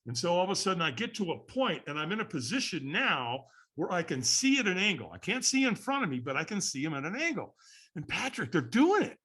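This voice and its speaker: A man tells a story on a podcast with a bright, slightly husky voice. His pitch climbs and falls all over the place as he acts out the people he quotes. He laughs often between his lines. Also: very animated, quick pace. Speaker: guest, firewalking instructor. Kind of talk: animated storytelling in a podcast interview.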